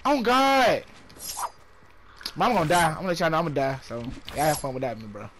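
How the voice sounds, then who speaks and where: A young man streaming a game, chatting casually with excitable, slangy talk and quick repeated callouts. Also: a little high, slight background noise. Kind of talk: casual gaming chat.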